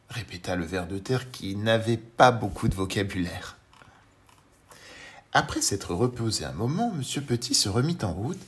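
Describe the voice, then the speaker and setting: A male storyteller narrating a children's audiobook, slow, gentle and expressive as he addresses a young listener. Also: on the low side.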